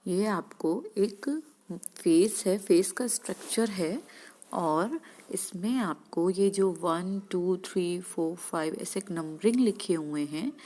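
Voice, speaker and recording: A woman teacher with a lowish, warm voice gives a classroom lesson, sounding out speech sounds one by one. She goes slowly and explains as she demonstrates each sound aloud.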